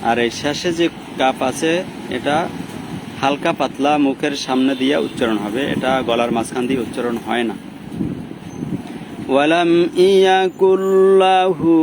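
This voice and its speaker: A gravelly-voiced man gives a slow, patient pronunciation lesson, breaking words into sounds and chanting them drawn out. He is recorded outdoors, with street and traffic noise clearly audible behind him. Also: medium pitch. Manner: drawn-out chanted recitation between patient explanations. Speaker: Quran recitation teacher.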